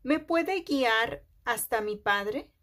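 A woman voicing an earnest young boy in a children's storybook, speaking in slow, simple phrases. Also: fairly high pitch, animated, a bit bright, heavily acted. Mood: pleading. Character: earnest young boy searching for his father. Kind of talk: storybook read-aloud.

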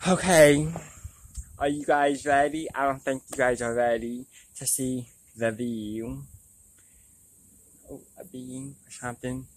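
A vlogger in his twenties talks slowly and steadily at a medium pitch, chatting casually with viewers on a nature trail and calling them "y'all." The audio is poor, with slight background noise. It was recorded outdoors on a small lapel mic.

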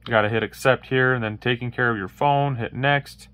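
At a moderate pace, a man with a medium-pitched, steady and fairly bright voice takes viewers through a casual phone how-to. Filmed indoors at a wooden table, the demo shows only his hands. He meanders, with many fillers and restarts.

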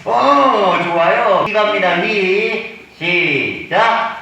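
A man's voice: fairly high pitch, a little slow, far from the mic, highs cut off, slight background noise. Coaxing man leading seniors in an echoey room. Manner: lively, coaxing, counts out loud. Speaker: senior recreation instructor. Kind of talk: leading a seniors' movement game.

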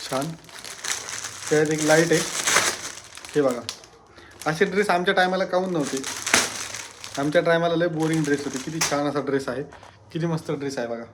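A chatty man hosts a casual family vlog, talking straight to his viewers in a slightly higher voice. He teases his family in an easygoing, lively way. A faint hum of noise sits behind him. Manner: chatty, teasing, addresses viewers directly. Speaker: family vlogger host. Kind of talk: casual home vlog chat.

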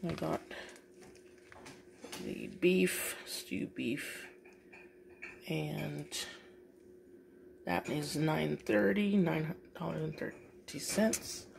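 A woman showing off her grocery haul in a casual vlog from her kitchen, unhurried and pausing often with "um". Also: low-pitched, vocal fry. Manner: unhurried, with frequent pauses and "um" fillers. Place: home kitchen, indoors. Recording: packaging noise over the voice. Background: crinkling plastic packaging.

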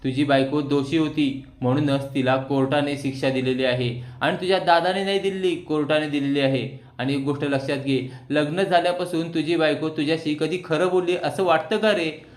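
A man's voice: on the high side, fairly even intonation, normal speed, few pauses, close to an everyday voice. A man voicing a stern elderly grandmother who firmly lectures her grandson, recorded in an echoey room. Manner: firm, scolding, lecturing.

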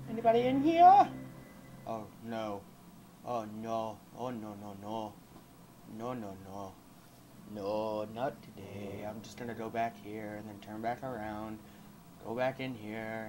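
A man playing a horror game and commenting as he goes, swearing a lot and yelping and shouting when he gets scared. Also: fairly low pitch, flat delivery, measured pace, noisy background. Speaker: gaming YouTuber.

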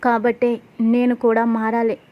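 A woman voicing a young husband thinking things over, in a steady, level reading. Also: a little high, moderate pace, highs cut off, close to an everyday voice. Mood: reflective. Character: young husband resolving to change.

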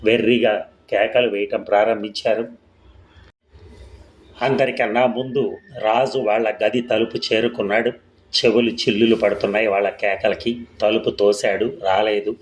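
A man reading a ghost story aloud in a steady, scripted storytelling way. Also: fairly low pitch, moderate pace, reverberant, poor audio. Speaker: narrator. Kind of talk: scripted audiobook narration.

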